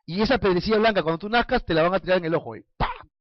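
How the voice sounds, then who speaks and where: A man's voice: high voice, rapid-fire, dry recording. A man preaching a sermon in a playful, storytelling way, asking his listeners questions. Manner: playful, acts out little scenes and asks the congregation questions. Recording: dull lo-fi sound, dry.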